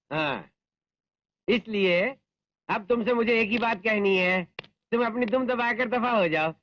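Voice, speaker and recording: A man's voice: very high voice, dry recording. A man dubbing a blustering, cowardly, lecherous comic villain in a film. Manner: boastful, then whining and pleading. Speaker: dubbing actor. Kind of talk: Hindi film dub. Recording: dull film soundtrack with music.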